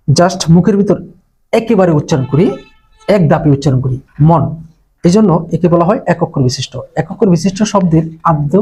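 Husky Bangladeshi male teacher. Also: on the high side, mellow. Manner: slow, repetitive, breaks words into syllables. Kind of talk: exam-prep lesson. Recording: dull lo-fi recording.

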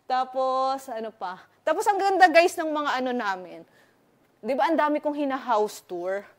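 Excited chatty woman on a house tour. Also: sits high, moderate pace. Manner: excited, chatty, filler-heavy, switching between Tagalog and English. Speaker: vlogger giving a house tour. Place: indoors, walking through a new house.

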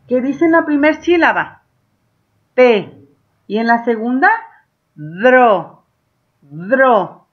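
A woman's voice: on the high side, highs cut off. A woman teacher with a Mexican accent, patiently guiding first graders through a reading lesson, stretching out words for them to follow. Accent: Mexican Spanish. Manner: patient and warm, drawing out words slowly for children to read along. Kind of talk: slow, encouraging reading lesson to young children.

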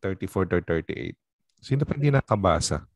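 A man's voice: low voice, animated, brisk, no room sound, studio quality. Jokey man leading a Bible study. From Philippines. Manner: jokey, conversational, reads scripture aloud. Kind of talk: casual Bible study discussion.

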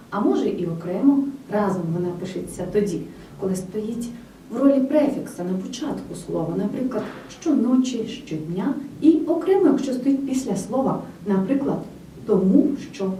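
A woman giving a scripted grammar lesson, speaking clearly and with emphasis straight to the student. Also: mid-range voice, warm tone. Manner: clear, emphatic teacher's delivery addressing the student directly. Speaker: language teacher. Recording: roomy, slightly distant with faint noise.

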